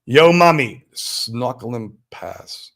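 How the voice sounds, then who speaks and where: A mid-range, slightly bright, creaky voice belongs to an American livestream host who speaks slowly with a sing-song lilt. He chats casually and fields viewer comments live, full of slang and exclamations.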